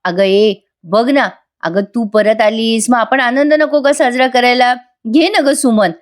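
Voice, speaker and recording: A scheming soap-opera husband with a slow, syrupy, falsely tender way of talking, as a woman narrator puts him on. The voice stays close to her own, only a touch higher. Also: lightly acted. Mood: coaxing. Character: scheming older man, falsely sweet and coaxing.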